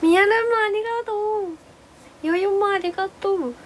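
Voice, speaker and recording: A hoarse young woman chatting casually on a live stream, bubbly and playful as she thanks viewers for gifts. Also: extremely high pitch, fairly even intonation, a little hiss or hum, poor audio. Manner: playful exclamations and cute drawn-out reactions. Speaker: live streamer, former idol.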